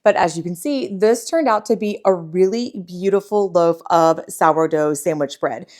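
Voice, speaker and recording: A young woman hosting a home baking channel, calmly walking viewers through a sourdough bread recipe step by step in an easygoing, friendly way. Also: fairly low pitch, normal speed.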